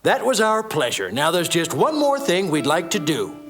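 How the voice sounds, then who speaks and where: Lively, high-voiced gnome judge. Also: male voice, heavily acted. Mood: reassuring. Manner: brisk, commanding, fatherly. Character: wise clever male gnome judge, leader. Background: cartoon music.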